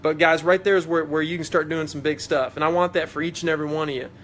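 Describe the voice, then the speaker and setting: A man's voice: a little high, fairly even intonation, fast talker, a bit bright, slight background noise. A man giving a fired-up motivational talk on a live video stream, preachy and repetitive as he urges his team on. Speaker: network marketing leader.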